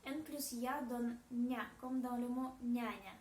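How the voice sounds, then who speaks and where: A woman's voice: on the high side, slow, a little mellow, roomy sound, recorded from a distance, a little hiss or hum. A woman with a Russian accent giving a pronunciation lesson, speaking hesitantly and repeating example words. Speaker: Russian language teacher. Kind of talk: language lesson.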